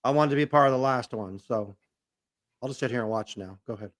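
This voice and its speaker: A man talks in a casual, informal way. His voice is hoarse and raspy, rough from days of coughing. He sounds like his voice is close to giving out. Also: mid-range voice, fast talker. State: hoarse, voice nearly gone from coughing. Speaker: guest, co-founder of a fan show. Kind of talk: casual chat.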